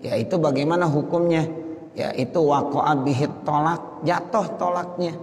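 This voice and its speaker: A man giving a religious lesson, explaining point by point and slowing down to recite Arabic phrases. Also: on the high side, steady tone, a little mellow. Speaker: Islamic teacher. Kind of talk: religious lecture reading an Arabic text. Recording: roomy hall echo.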